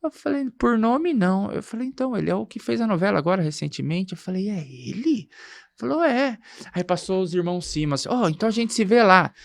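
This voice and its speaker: A man's voice: high-pitched, lively intonation, a little fast, gravelly, dry recording. A man from Brazil, a nursing technician and actor, telling a story in casual chat and acting out the dialogue as he goes. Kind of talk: animated anecdote in casual chat.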